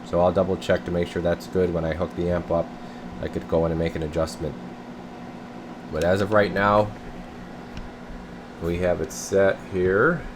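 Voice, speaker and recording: In a low-pitched voice at normal speed, often pausing, a man demonstrates a CB radio he has tuned up. He's a radio technician doing a relaxed, hands-on repair session and thinking aloud as he goes, with a steady air conditioner hum under the clear audio.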